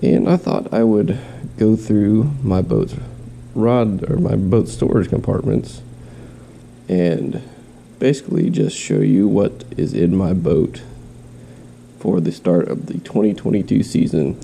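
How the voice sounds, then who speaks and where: Stuck at home in quarantine, a fishing vlogger with a stuffy nose and a slight cough slowly shows off his gear in a casual show-and-tell. His deep, gravelly voice is very dark and nasal, and he rambles and restarts, with faint noise behind him.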